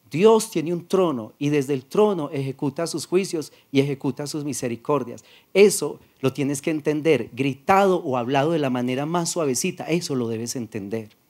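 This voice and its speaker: A man with a Colombian Paisa accent preaching a sermon as pastor, soft-spoken and conversational, acting out little dialogues as he talks. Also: on the high side. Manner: soft-spoken, does not shout.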